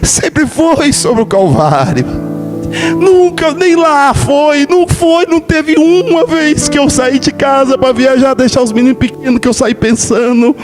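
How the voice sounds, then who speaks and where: A man's voice: expressive, measured pace, over music. A Brazilian man in his forties preaching a passionate sermon, telling his own testimony and rising to emotional peaks. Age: 40s. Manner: impassioned, swells to high emotional peaks.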